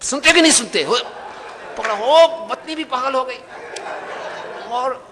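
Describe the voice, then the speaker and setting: A man giving a devotional sermon, telling a story with animated acted-out voices and jokes for his listeners. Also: very high voice, a little slow, big-room sound, a little hiss or hum. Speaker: preacher.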